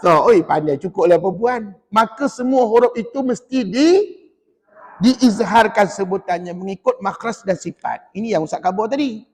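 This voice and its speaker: A Malaysian man with a Malay accent teaching a Quran recitation class in a mosque, quizzing his students in a lively way and chanting the verses slowly. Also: sits high. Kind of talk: classroom tajwid lesson. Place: mosque hall. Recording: long mosque reverb.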